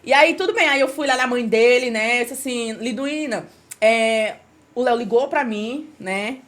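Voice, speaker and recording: A woman's voice: on the high side, moderate pace. A woman guest on a podcast telling an emotional personal testimony, acting out quoted dialogue as she goes. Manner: animated storytelling, acts out quoted dialogue.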